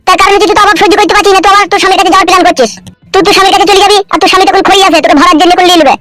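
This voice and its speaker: A woman voicing a poor, crude village husband in a cartoon, speaking in a with rapid, defensive scolding. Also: very high voice, steady tone. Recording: faint background music.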